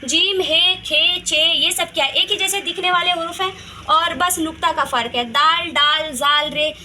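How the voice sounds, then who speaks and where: A woman's voice: extremely high pitch, measured pace, pushed and bright, slight background noise. A woman teaching a casual video lesson, explaining step by step, repeating definitions and answering her own questions. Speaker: Urdu grammar teacher.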